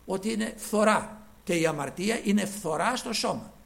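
A man preaching a sermon with fervor, jumping from loud exclamations to quiet asides and acting out the voices he quotes. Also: sits high, lively intonation, creaky.

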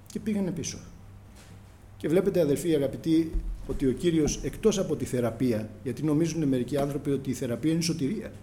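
A man's voice: on the high side, mellow, a little hiss or hum. A middle-aged man preaching a sermon, calling the congregation brothers and acting out prayers and dialogue with passion.

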